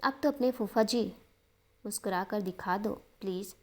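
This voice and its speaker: A woman voicing a gentle, caring young husband who speaks softly and coaxes a child. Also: medium pitch, moderate pace, close to an everyday voice. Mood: gentle, coaxing. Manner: soft coaxing, speaking kindly to a child.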